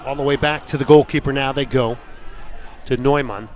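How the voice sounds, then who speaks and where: A man's voice: medium pitch, steady tone, normal speed, darkish tone, some chatter behind. A man doing live play-by-play commentary of a soccer match. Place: outdoor college soccer stadium broadcast. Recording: clear outdoor stadium ambience noise.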